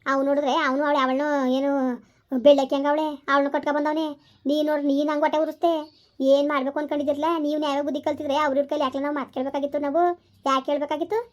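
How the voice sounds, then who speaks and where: A woman's voice: sits high, flat delivery, rapid-fire, lightly acted. A middle-aged woman, playing a bitter, scolding mother-in-law in a homemade village family drama. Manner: sharp and dismissive, cuts others off. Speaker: village skit actor.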